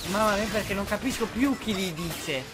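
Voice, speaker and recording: A man giving excitable, joking commentary over a video game, reading subtitles aloud and exclaiming often. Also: high-pitched, normal speed, over music. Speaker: gameplay commentator. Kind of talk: casual let's-play commentary.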